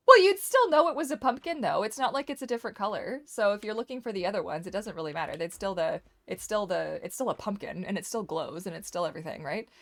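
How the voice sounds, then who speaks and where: A woman chatting casually as she plays a game for viewers, a welcoming and playful host who talks straight to her audience. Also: mid-range voice. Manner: playful, teasing. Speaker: host of a live game stream and community server. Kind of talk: casual chat while playing a game.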